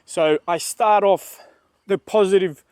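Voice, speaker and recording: A man's voice: sits high, takes it slowly, a little mellow, clean tone, dry recording, studio quality. A man giving casual, emphatic dog training advice, repeating his points and acting out what the dog thinks. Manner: emphatic, repeats points, acts out the dog's thoughts. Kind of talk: casual instructional talk. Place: outdoors at a dog park.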